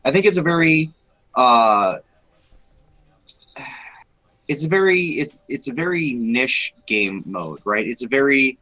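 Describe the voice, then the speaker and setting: A man's voice: mid-range voice, animated, moderate pace, pushed and bright, poor audio. A young man co-hosting a casual gaming chat, rambling with many restarts. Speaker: podcast co-host.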